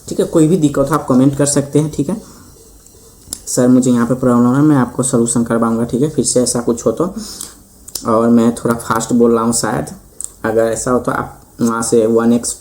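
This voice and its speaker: Hindi-speaking tutor with a mellow voice. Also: male voice, mid-range voice. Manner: repeats "ठीक है" often, reads English lines slowly then explains. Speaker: host of the channel. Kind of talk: online maths lesson.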